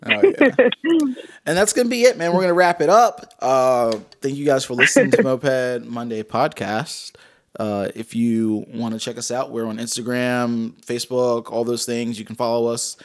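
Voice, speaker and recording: A man's voice: mid-range voice, moderate pace. A male podcast host with a mid-range voice and a loose frat-bro way of talking. He chats casually and slangily, like he's hanging out with buddies. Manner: laid-back frat-bro slang, peppered with "dude" and "man".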